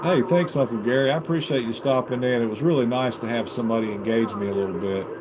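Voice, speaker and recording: A fast-talking man with a medium-pitched voice rambles folksily while hosting a live stream from his basement radio room, where he pursues his CB radio hobby. The home stream's audio is very noisy.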